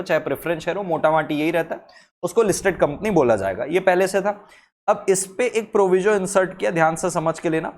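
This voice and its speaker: Brisk male law teacher. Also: sits high. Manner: brisk, emphatic, mixes English terms. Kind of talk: exam-oriented law lecture.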